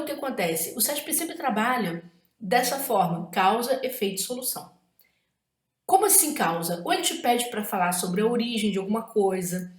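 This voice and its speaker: A woman's voice: a little high, reverberant. A woman with a Brazilian Portuguese accent gives an exam-prep writing lesson, emphatic and often checking in with tag questions.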